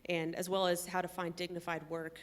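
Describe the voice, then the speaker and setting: A woman talks through the details in a measured, orderly way, pausing on frequent "um"s as she goes. Her voice sits fairly low and stays quite flat in pitch. The tone is smooth and clean. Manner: measured, explains step by step with frequent ums. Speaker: trip participant. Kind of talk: conversational explanation.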